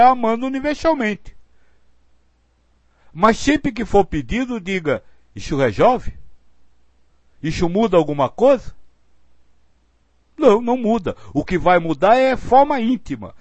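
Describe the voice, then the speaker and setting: High-voiced man giving spiritual guidance. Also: sing-song, measured pace, pauses often, no echo. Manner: earnest, explanatory, acts out example phrasings. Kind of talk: spiritual teaching talk.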